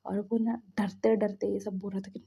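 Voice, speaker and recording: A woman casually retelling a fan story with chatty fillers and a soft, half-whispered delivery. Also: medium pitch, flat delivery, normal speed, gravelly, husky, dull audio.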